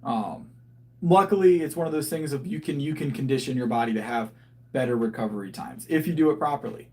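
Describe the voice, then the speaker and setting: Reading viewer comments on a casual livestream, a powerlifter in his 30s answers at a medium pitch and a slightly quick pace. He thinks out loud, often starting his sentences over.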